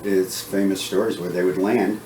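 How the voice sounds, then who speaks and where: A man with a fairly low voice interviews someone in a casual, conversational way. He sounds a little away from the mic, with the room echoing around him. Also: level tone, normal speed, a little mellow, slight background noise. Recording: roomy, distant mic.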